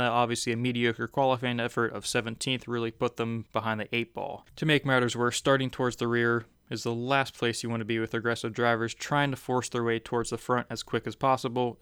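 A man's voice: medium pitch, fairly bright tone, clean tone, no echo, clean studio sound. A man hosting a casual race recap, talking conversationally with frequent filler sounds. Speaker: racing recap host.

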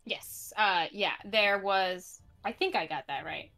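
A woman's voice: medium pitch, slow pace, bright, forceful tone. A woman playing a tabletop game, bubbly and giggly as she describes her character's moves. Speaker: player.

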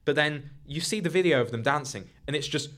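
A man's voice: a little high, fairly quick, fairly bright tone. A young man hosting a casual podcast chat, talking loosely with lots of fillers. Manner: chatty, heavy use of "like" and "you know". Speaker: podcast host. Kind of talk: casual discussion.

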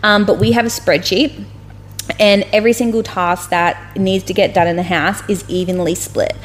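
Woman co-host, mid-pitched, loose and rambling, swears freely, faint noise behind. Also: moderate pace. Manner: rambling, blunt and sweary, animated retellings. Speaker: podcast co-host. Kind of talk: casual chat.

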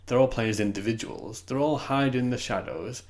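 A man's voice: mid-range voice, fairly quick, darkish tone. A man co-hosting a podcast in casual football chat, opinionated and rambling, often calling his friend "mate". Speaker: podcast co-host.

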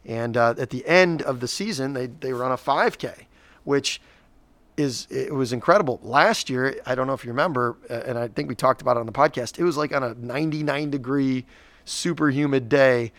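A man's voice: mid-range voice, a little fast, fairly bright tone, dry recording. A man in his forties rambles through school news on a casual podcast, often restarting his sentences. His voice sits in a middle range and is recorded dry and close, with no room sound. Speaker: school district podcast co-host. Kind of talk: casual chat.

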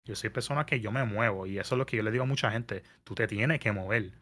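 Animated man telling stories. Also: fairly low pitch, fast. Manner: animated storytelling, mixes English words into Spanish. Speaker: podcast guest. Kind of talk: casual podcast chat. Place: New York area.

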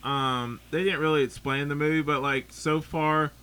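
A man's voice: on the high side, fairly even intonation, moderate pace, bright, forceful tone, a little hiss or hum. Man rambling through a casual film review. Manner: rambling, filler-heavy, says "like" often. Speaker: podcast movie reviewer.

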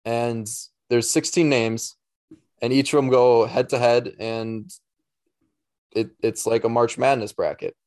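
A man's voice: mid-range voice, steady tone, unhurried, darkish tone, dry recording, studio quality. A man co-hosting a casual podcast, easygoing and hesitant, often restarting his sentences. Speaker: podcast co-host.

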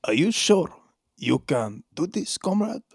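A man's voice: a little high, sing-song, unhurried, a little mellow, husky, full character voice. A man playing a stern, grave Soviet handler.

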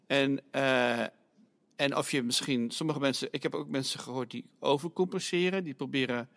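A man's voice: medium pitch, normal speed, a bit bright. A man hosting a podcast, asking his guests rambling, self-interrupting questions in casual chat. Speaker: podcast host.

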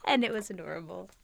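A woman's voice: lowish voice, vocal fry, background noise. A young woman co-hosting a podcast, chatting casually and giggling. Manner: chatty, giggly, reads story intros aloud. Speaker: podcast co-host. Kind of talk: casual chat.

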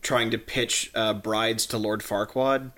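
A man co-hosting a podcast, chatting casually about a TV episode, halting and giggly. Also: lowish voice, fairly even intonation, sharp tone. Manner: giggly, halting, often acting out silly voices. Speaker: podcast co-host.

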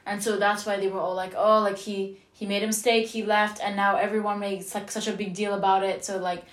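A woman with a mid-pitched voice rambles through her points, leaning heavily on "like." Her voice rings with room echo. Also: little pitch movement, fairly quick. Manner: rambling, full of "like". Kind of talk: casual film discussion. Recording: echoey room.

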